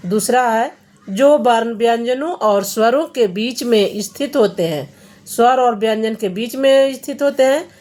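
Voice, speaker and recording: A woman teaching a Hindi grammar lesson to students. Her voice sits a little high, and she speaks slowly and patiently. She reads out each question before working through its answer. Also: darkish tone.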